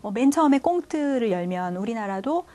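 A woman with a slightly high voice teaches a French class in Korean. She works through the phrases one at a time, pausing on fillers, and slows down whenever she reads the French aloud. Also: expressive, warm tone. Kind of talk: classroom lecture.

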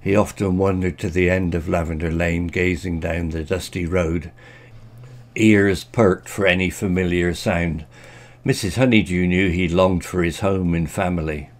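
A man narrating a children's story in a gentle, expressive storytelling manner. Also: sits low, measured pace.

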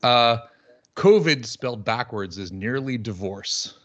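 A man's voice: medium pitch, animated, slow pace, a bit bright. A man speaking as a panelist on a video call, talking in a witty, conversational way with fillers. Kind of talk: conference talk on a video call.

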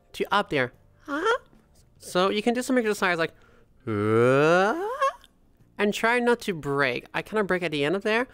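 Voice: medium pitch, a bit bright, clean tone, dry recording. Chatty voice coach with a Quebec French accent. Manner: chatty, demonstrates sounds mid-sentence. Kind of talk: casual tutorial.

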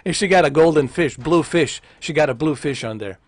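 This man's voice is on the high side and runs a little fast. In his thirties, he streams a game from home using a headset with a big foam mic, joking, swearing and teasing his chat throughout the casual commentary.

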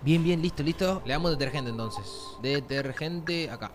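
A man's voice: a little high, normal speed. A man with a Rioplatense accent streaming a video game, chatting casually, swearing freely and reading the game's text aloud. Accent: Rioplatense Spanish. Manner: excitable, swears freely, slangy. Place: home streaming setup. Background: game music.

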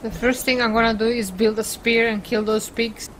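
A woman's voice: fairly high pitch, little pitch movement, normal speed. A woman co-playing a survival game, chatting casually, giggling and steering the way. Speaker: co-player. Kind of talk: casual gaming chat. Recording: noisy background.

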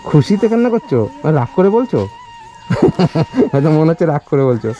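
A man's voice: a little high, sing-song, fairly quick, warm tone, muffled recording, soft background music. A young man interviewing villagers outdoors, coaxing and repeating his questions. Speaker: charity vlogger host. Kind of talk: casual on-location interviewing.

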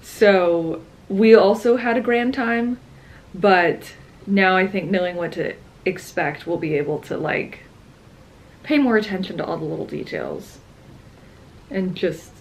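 A young woman in her twenties chats with a relaxed, tired ease, pitched a touch low. She drifts between thoughts and trails off with soft laughs. A faint hum of room noise sits behind her. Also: measured pace, vocal fry, low-quality recording. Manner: chatty, playful, trailing off with laughs. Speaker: travel vlogger. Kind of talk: casual chat.

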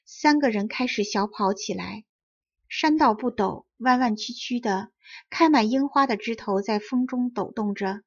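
A woman reading a children's story aloud in clear, carefully enunciated storybook narration. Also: fairly high pitch, unhurried, highs cut off. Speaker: audiobook reader.

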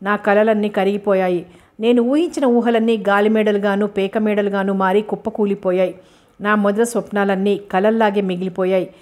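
A woman reads a novel aloud in the first person, the way an audiobook narrator does. Her voice sits at a middle pitch. She keeps her storytelling steady and even. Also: a little fast.

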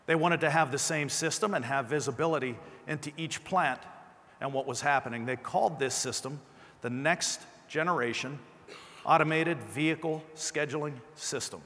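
A man's voice: on the high side, normal speed, fairly bright tone, slight background noise. A middle-aged man with a slight lisp, giving a keynote presentation on a conference stage through a lapel mic. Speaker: company presenter. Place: large conference stage indoors. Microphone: clip-on lapel mic. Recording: amplified hall with long reverb.

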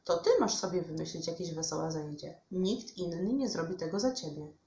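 A woman voicing a kind, wise old grandmother who gently scolds in a storybook reading. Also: deep voice, a little fast, slight background noise. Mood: gentle. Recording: echoey room, dull lo-fi sound.

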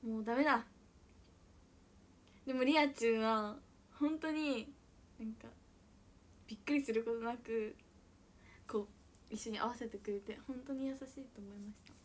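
A young woman with a high, bright voice and a chats casually with viewers on her livestream. She is bubbly and giggly, and she talks loudly. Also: normal speed, pauses often. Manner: giggly, bubbly, frequent laughter; self-describedly loud voice. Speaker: idol livestreamer. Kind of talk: casual chat reading viewer comments.

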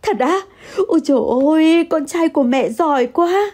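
A woman's voice: medium pitch, brisk, mellow, close to an everyday voice. A woman voicing a doting older mother who gushes over her son in an audio story. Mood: gushing. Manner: gushing, exclaiming.

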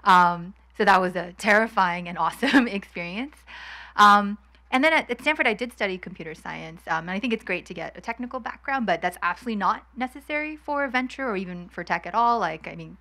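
A woman's voice: medium pitch, lively intonation, sharp tone. A woman in her thirties from Hong Kong, talking candidly as a guest in a fireside chat, with frequent light laughs, into a handheld mic at an outdoor event. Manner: candid, quick laughs, chatty. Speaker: guest investor.

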